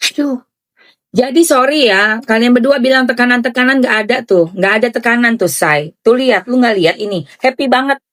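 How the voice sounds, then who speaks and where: A woman's voice: fairly high pitch, a little fast, a bit bright. Gushing woman. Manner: gushing, exclamatory, chatty slang. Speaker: celebrity gossip commentator. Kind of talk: excited reaction commentary.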